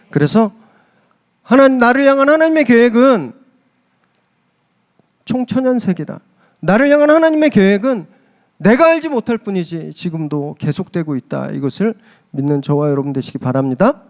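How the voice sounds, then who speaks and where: A man with a high voice preaches a church sermon. He talks warmly and directly to the congregation. He drives his key phrases upward with emphasis. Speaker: pastor. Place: church service.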